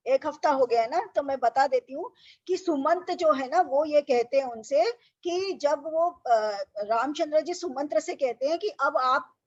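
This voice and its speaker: High-voiced woman teaching a scripture class. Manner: explains patiently, quizzes the class, recites verses slowly. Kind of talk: scripture study class with recited verses. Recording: dull lo-fi recording.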